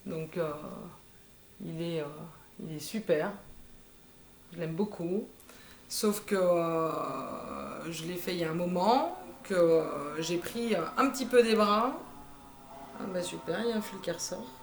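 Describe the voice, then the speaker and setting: Slow, halting woman in an echoey room. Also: fairly low pitch, creaky, a little hiss or hum. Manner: hesitant, lots of "euh" fillers. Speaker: knitting vlogger. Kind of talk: casual show-and-tell chat.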